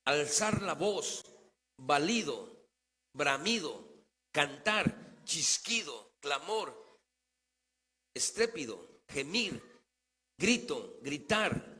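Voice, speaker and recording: Pastor preaching in an echoing church. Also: male voice, a little high, very animated, extremely slow, pauses often. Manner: preaching with rhetorical questions he answers himself; swings between quiet asides and loud declarations. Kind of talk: sermon. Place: church sanctuary.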